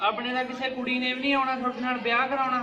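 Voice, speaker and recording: Despairing old farmer dad, tearful and lamenting, played by a man; high voice, roomy far-off take. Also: monotone, rapid-fire, music in the background. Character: indebted old farmer father, weeping and despairing. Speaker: father. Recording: distant, dull, echoey room.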